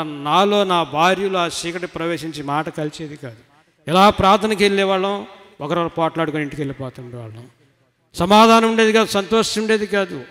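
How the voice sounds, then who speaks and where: A middle-aged man giving an emotional testimony to a church congregation, swinging between loud emphatic cries and soft low asides. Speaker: testimony speaker at a church retreat. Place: church hall. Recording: long reverb of a large hall.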